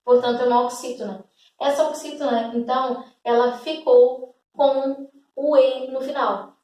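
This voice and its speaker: A woman teacher explains a grammar rule to schoolchildren one step at a time. She checks in often to make sure they follow. Her fairly high voice sits back from the mic in a strongly echoing room. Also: steady tone, unhurried, warm tone, distant mic. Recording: echoey room, away from the mic.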